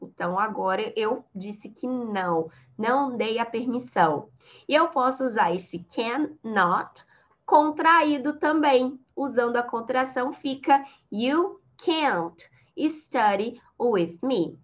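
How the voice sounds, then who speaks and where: Woman, english teacher, unhurried, slightly muffled sound. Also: fairly high pitch. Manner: slow, careful model sentences in English. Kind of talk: online English lesson.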